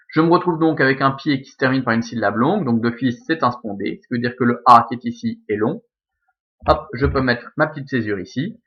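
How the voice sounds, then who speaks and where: A man teaching Latin scansion in a recorded lesson, walking through each step methodically and checking in with his students often. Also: medium pitch. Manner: methodical, counts aloud, frequent "ok?" and "hop". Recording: slightly dull lo-fi recording.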